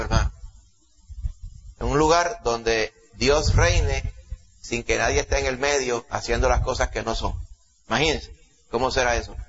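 Emphatic Puerto Rican preacher man. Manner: emphatic, rises to loud exclamations and drops low, asks the congregation questions. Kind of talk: sermon. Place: church service before a congregation. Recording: dull lo-fi recording.

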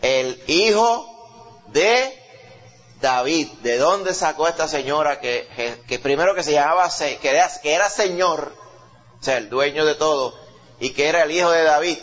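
A man's voice: on the high side, normal speed, a bit bright. Dramatic male preacher, dull lo-fi sound. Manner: dramatic storytelling, rising to emphatic peaks and acting out the people in the story. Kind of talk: sermon. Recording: dull lo-fi recording.

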